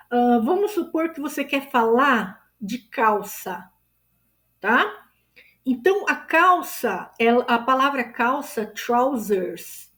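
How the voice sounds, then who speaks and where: Slow, high-voiced Brazilian woman teaching. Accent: Brazilian Portuguese. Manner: drawn-out English example words, frequent check-ins like "tá?" and "ok?". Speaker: English teacher. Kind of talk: explaining English grammar to Portuguese-speaking learners.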